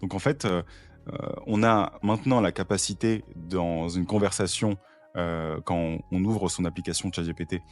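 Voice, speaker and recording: A man's voice: low-pitched, normal speed, faint music behind. A man talking in a casual podcast conversation, eagerly explaining with frequent fillers and restarts. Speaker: podcast guest, AI trainer.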